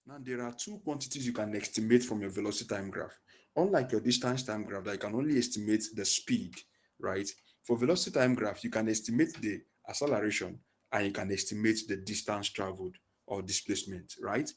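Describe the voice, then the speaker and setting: Here a man with a fairly low, slightly rough voice talks a little fast while tutoring physics in an online lesson. Using a headset on a video call, he asks leading questions and fills in the answers himself.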